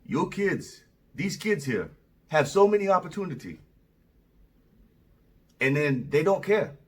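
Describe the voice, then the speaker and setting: A man imitating an earnest, puzzled African man in his thirties, speaking with an African accent in a halting, bewildered way that repeats itself. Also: a little high, big pitch swings.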